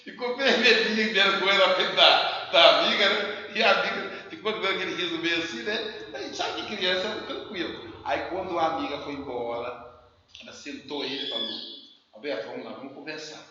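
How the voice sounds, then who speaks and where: A man giving a lecture and telling anecdotes in a lively way, acting out the people he quotes. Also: high-pitched, normal speed, a little hiss or hum. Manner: lively storyteller, acts out quotes. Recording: echoey hall, distant muffled mic.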